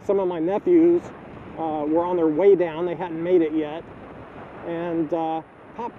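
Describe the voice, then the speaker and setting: A middle-aged man in a personal video diary, halting and repeating words, choked up with grief. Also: a little high. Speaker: vlogger. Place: outdoors, filming the neighborhood. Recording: tinny phone-like audio, faint wind noise.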